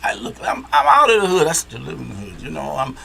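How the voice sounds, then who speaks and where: A man's voice: a little high, big pitch swings, quick pace, creaky, bright, forceful tone, a little hiss or hum. A man from Detroit, a guest in a casual interview, who speaks emphatically and repeats phrases for stress. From Detroit, USA.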